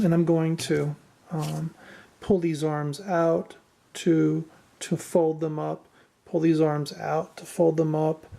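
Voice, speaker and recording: Low and dark-toned, her voice guides listeners through a build in an unscripted, casual style typical of a hobbyist presenter. She's hesitant and self-deprecating, with machine noise clearly present behind her.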